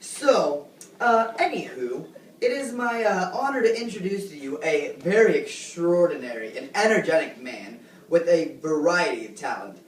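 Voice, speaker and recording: A woman's voice: low voice, sing-song, normal speed. A teenage girl playing a showy talk-show host who gushes and fawns over her guests. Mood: gushing. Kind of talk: amateur talk-show skit. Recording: echoey room, distant mic, faint noise.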